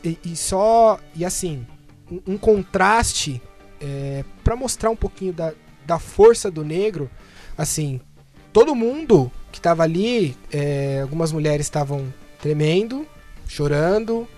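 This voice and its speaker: A man's voice: on the high side, a little mellow. A man, talking as a panel guest in a casual discussion, hesitant and often tagging his sentences with questioning asides.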